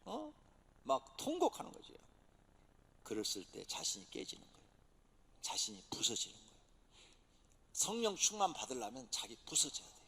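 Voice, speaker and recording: A male pastor preaching a sermon with passion, swinging from shouted exclamations to hushed whispers. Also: medium pitch, huge pitch swings, moderate pace, long pauses, breathy edge. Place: church sanctuary. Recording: church hall reverb.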